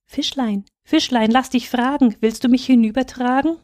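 A woman voicing a small, gentle girl in a storybook fairy tale, speaking softly and wistfully. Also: high-pitched, normal speed, no room sound, studio quality, close to an everyday voice.

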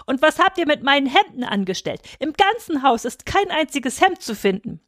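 A woman voicing an angry man in his undershirt who shouts and scolds, in a story read aloud. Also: high voice, big pitch swings, normal speed, no echo, studio quality, pitched above the performer's own voice. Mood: furious.

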